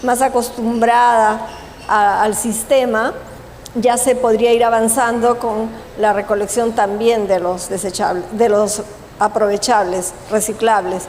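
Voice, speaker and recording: A woman giving a conference presentation, explaining in a measured way with pauses and self-corrections. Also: on the high side, little pitch movement, a little mellow, slight background noise. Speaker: conference speaker. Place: conference hall. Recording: long hall reverb, faint ambience.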